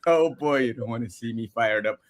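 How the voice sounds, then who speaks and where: A man hosting a casual video podcast, teasing his guests and laughing often. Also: on the high side. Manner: playful, teasing, laughs a lot. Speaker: podcast host.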